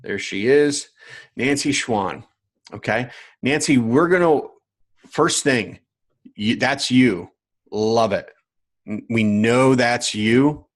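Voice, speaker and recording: A man's voice: medium pitch, slow, pauses often. A man who coaches other coaches, teaching live online from a screen share, with emphatic repetition and frequent check-ins with viewers. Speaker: business coach.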